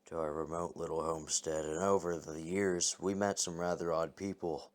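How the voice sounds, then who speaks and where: A man reading first-person scary stories aloud as a narrator, in a calm, measured way. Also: low-pitched. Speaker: story narrator. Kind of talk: scripted horror story reading.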